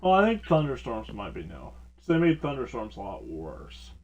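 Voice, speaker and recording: A man's voice: lowish voice, huge pitch swings, normal speed, a little mellow, highs cut off. A man hosting a casual podcast chat, rambling with lots of filler words. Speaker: podcast host.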